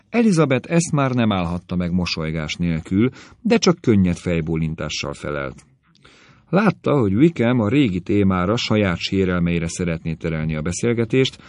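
A man narrating a classic novel as an audiobook, in a measured storytelling manner. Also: deep voice, a little mellow, no room sound. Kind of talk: scripted literary narration.

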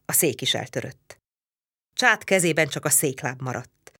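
A woman narrating a novel aloud in a measured, expressive storytelling manner. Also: very deep voice, husky, no room sound, studio quality. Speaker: audiobook narrator.

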